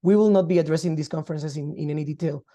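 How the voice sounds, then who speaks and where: Very dark-voiced man lecturing. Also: a little high. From Guatemala. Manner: measured, formal, explanatory. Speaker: law lecturer. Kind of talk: online lecture.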